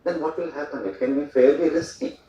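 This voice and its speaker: This fairly high, mellow male voice comes from an Indian speaker addressing a port day event at a fairly quick clip. His conversational speech mixes anecdotes with fillers and side remarks, and it was captured from far off in a reverberant hall, so the sound is muffled.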